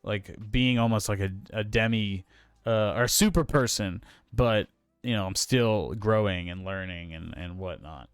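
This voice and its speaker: Male podcast co-host, rambling and hesitant, smooth voice, dry close recording. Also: lowish voice, unhurried, dry recording. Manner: rambling, hesitant, many fillers and restarts. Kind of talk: casual film podcast chat.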